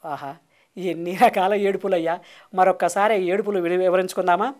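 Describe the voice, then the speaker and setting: A woman's voice: fairly low pitch, fairly even intonation, darkish tone. A woman giving a devotional discourse as a spiritual teacher, repeating lists of short phrases in a rhythmic way and drawing out exclamations. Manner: drawn-out exclamations of aha. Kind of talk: devotional discourse answering questions.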